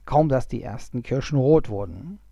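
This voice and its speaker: Old storybook goblin, slow, gravelly and grumbling, read by a man. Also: mid-range voice, lively intonation, mellow, no room sound, muffled recording. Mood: patient. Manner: unhurried, grumbling. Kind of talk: storybook reading.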